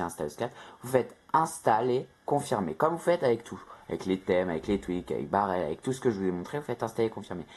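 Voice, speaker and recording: Husky-voiced man giving a rambling tutorial. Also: medium pitch, a little mellow. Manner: rambling, self-correcting, lots of euh. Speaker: tech tutorial host. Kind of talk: casual screen-recorded tutorial.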